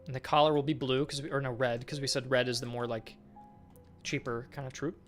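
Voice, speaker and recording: A man's voice: mid-range voice, little pitch movement, a little fast, soft background music. A man streaming as a game developer, chatting casually with viewers and thinking aloud while he works. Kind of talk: casual live-stream chat while working.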